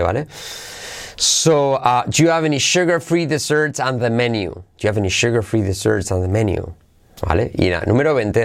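Man teaching English phrases slowly. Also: mid-range voice. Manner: drills phrases slowly and repeats them; laughs at own slips. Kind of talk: podcast lesson.

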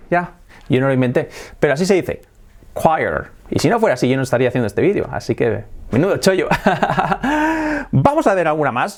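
Lively Spanish-accented man teaching pronunciation. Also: a little high. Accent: Spain Spanish. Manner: animated, repeats words and laughs often. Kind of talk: online pronunciation lesson.

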